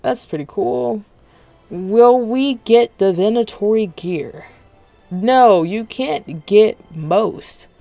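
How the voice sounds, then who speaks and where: A man's voice: high voice, slow, creaky, mellow, no room sound, soft background music. A man streaming casual reaction commentary, rambling and profane, talking with dental retainers in late at night. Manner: rambling, profane, self-interrupting.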